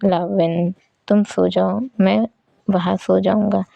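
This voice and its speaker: A woman voicing a gentle, caring older man who soothingly coaxes someone to sleep, in a read-aloud story. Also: mid-range voice, flat delivery, slow, vocal fry, no echo, highs cut off, exaggerated voice. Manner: soft, soothing coaxing.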